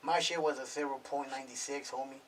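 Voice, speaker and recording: Heard through a distant mic with faint noise, this man in his thirties is a music producer guest in a casual interview. His mid-range, fairly bright voice moves fairly quickly with fairly even intonation, full of slang, swearing, and constant "bro" and "homie."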